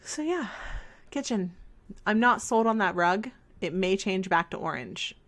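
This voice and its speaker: With a medium-pitched, scratchy voice worn from talking, this let's play host chats animatedly and a bit slowly while playing a life sim, rambling and putting herself down.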